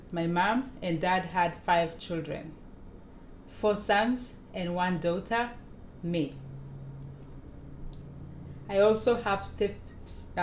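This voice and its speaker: A Ugandan woman in her forties reading her own memoir aloud, measured and deliberate, with small pauses and restarts. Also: on the low side. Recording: echoey room with faint ambient noise.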